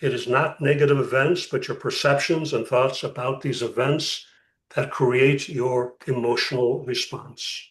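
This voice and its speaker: A man lectures as a rabbi to a class, heard from a distance in an echoey room. His mid-pitched voice moves deliberately, with pauses and rhetorical questions. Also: fairly even intonation, a bit bright. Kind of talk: interactive religious lecture.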